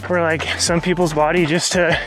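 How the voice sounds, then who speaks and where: A man's voice: a little high, little pitch movement, moderate pace, music in the background. A man hosting a vlog, talking casually and explaining things as he goes, recorded outdoors on a trail. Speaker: vlog host.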